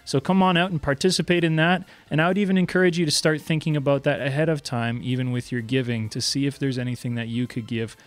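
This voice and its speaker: A man in his thirties reads church announcements in a friendly, upbeat way. He sits at a desk broadcast mic in a small indoor studio. His voice has a middle pitch. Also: fairly even intonation, fast, few pauses, dry recording. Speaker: church staff giving prayer and announcements. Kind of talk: prayer then church announcements.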